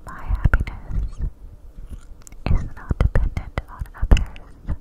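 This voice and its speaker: A young adult woman gives an encouraging ASMR pep talk in a breathy whisper, repeating affirmations deliberately, very close to the microphone. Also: lo-fi sound. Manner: slow, deliberate, repetitive, encouraging. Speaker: ASMR host. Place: small room indoors. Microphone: desktop microphone, very close with hands cupped around it.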